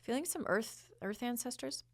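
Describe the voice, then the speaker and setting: A woman's voice: fairly high pitch, animated, normal speed. Chatty woman host chanting invented syllables. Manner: chatty, rambling, frequent restarts. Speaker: podcast host, spiritual channeler. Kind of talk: casual spiritual guidance with channeled chanting.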